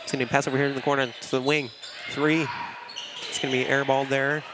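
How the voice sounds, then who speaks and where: A man calling live basketball play-by-play in a brisk, steady way, leaning on "it's gonna be" over and over. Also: medium pitch. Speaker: play-by-play announcer. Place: school gymnasium during a game. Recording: loud gym noise with bouncing balls.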